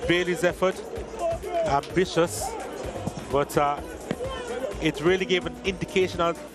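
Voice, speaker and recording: A man giving measured football commentary over match highlights, reading lineups and stats. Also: steady tone, over loud music, a loud crowd.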